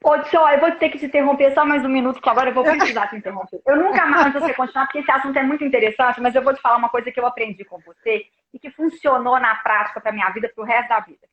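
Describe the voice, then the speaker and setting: A woman's voice: high-pitched, racing, roomy sound, highs cut off. A woman with a Brazilian Portuguese accent, chatting enthusiastically in a casual live conversation and telling stories with animation. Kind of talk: casual live video chat.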